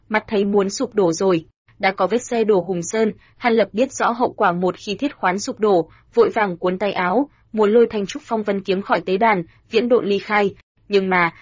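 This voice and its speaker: A woman narrating a fantasy audiobook in a steady, even storytelling manner. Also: mid-range voice, breathy edge, no room sound. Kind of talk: scripted narration. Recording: dull, dry lo-fi sound.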